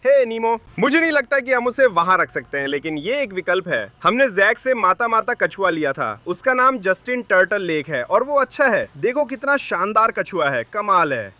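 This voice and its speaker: A man hosting a pet video channel, talking to viewers in an excited, chatty, upbeat vlog style. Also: high voice, no echo.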